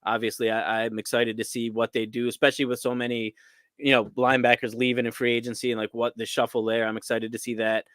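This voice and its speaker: An upbeat man from Scranton, Pennsylvania, chats about football on a podcast. His voice is smooth and clear, captured dry and close to the mic. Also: mid-range voice, flat delivery, fast talker, a bit bright, no room sound. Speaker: podcast co-host. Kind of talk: casual sports talk.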